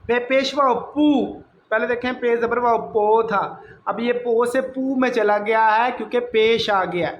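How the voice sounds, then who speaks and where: A man's voice: extremely high pitch, steady tone, a little slow. A man teaching reading, patiently sounding out each letter before saying the whole word. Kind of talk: slow phonics lesson, spelling out letters. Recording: roomy, dull lo-fi audio with faint noise.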